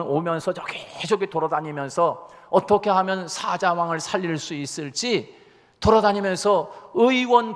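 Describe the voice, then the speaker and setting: A man's voice: fairly high pitch, natural voice. Man doing a cunning male fox who pleads his case and then slyly turns the tables, told in a sermon fable. A long reverb trails each line in the church hall. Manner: pleading, wheedling. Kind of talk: sermon storytelling.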